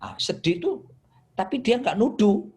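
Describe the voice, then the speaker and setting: A husky man with a fairly high voice talks through marriage advice as a pastor. He answers questions in a lively way and acts out heated arguments. His tone stays conversational between the quotes. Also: measured pace. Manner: lively storytelling, acts out quarrels with raised voice. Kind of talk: answering questions in an online session.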